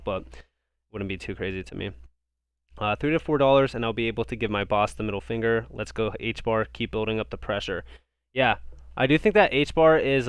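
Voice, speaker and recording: A man's voice: lowish voice, a bit bright, smooth, dry recording. A young man from the United States hosting a crypto live stream, reading viewer comments and answering in a casual, rambling way, often repeating words. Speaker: crypto livestream host.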